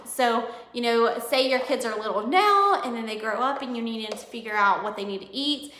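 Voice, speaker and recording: A woman fitness coach chatting through a nutrition plan in a casual video, rambling with many ums and self-corrections, a bit hoarse. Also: a little high, bright, forceful tone. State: losing her voice. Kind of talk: casual product walkthrough video. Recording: echoey room.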